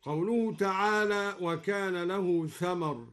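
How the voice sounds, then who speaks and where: This live radio recording features an Egyptian-accented Quran scholar whose voice sits high with a fairly bright tone. He explains reading variants plainly, then recites each verse as a slow, melodic chant.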